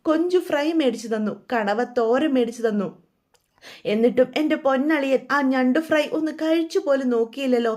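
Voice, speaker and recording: A woman's voice: sits high, fairly quick, a little mellow, close to an everyday voice. A woman voicing a tipsy, affectionate middle-aged uncle who slurs his words, in a storytelling recap. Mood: fondly tipsy. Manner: slurring, over-affectionate.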